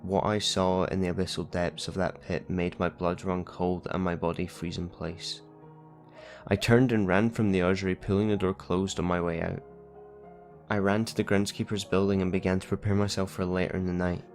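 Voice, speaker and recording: A man narrating a horror story in a steady, measured first-person reading. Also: sits low, faint music behind.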